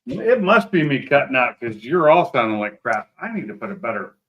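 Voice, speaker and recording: A man's voice: mid-range voice, sing-song, fairly quick, dull audio. Plain-spoken man chatting in his garage. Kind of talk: casual chat on a video call. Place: home garage. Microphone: laptop on a video call.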